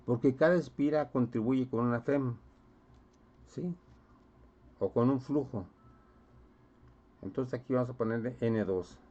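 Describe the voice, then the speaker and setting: A physics teacher lectures his class, frequently checking in with the students and quizzing them. He has a medium-pitched, dark, husky voice, speaks a little slowly, and pauses often. The recording is dull and lo-fi.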